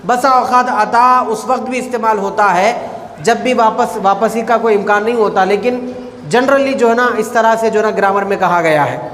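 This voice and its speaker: A man's voice: sits high, a bit bright, slight background noise. A man giving a Friday sermon in a mosque, explaining pronunciation and repeating his phrases, often calling listeners brother. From India. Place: mosque hall. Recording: echoey mosque hall with faint ambience.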